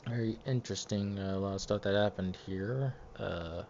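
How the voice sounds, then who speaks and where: A man with a very low voice grumbles his way through a voice-over for his own gameplay footage, rambling and plainly annoyed. The recording sounds dull and lo-fi. A faint hiss sits underneath it. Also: moderate pace, darkish tone. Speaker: gameplay commentator. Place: home recording setup, voiced after the footage.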